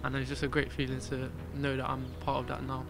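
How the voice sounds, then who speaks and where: An academy footballer in his late teens from South Norwood, with a South London accent, gives calm, confident interview answers. His mid-range voice is brisk and creaky. He sits outdoors in empty stadium stands, recorded on a stand-mounted mic with background music playing.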